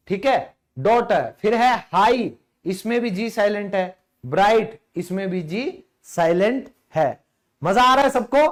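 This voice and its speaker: High-voiced, slightly hoarse man teaching. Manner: chatty, quizzes viewers with rhetorical questions, slows down to pronounce words. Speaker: English teacher. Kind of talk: online grammar lesson.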